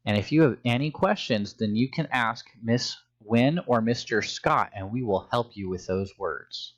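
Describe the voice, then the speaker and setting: Slow, patient man teaching phonics. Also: medium pitch, no echo, highs cut off. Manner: slow, patient, encouraging classroom instruction. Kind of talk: phonics lesson for young children.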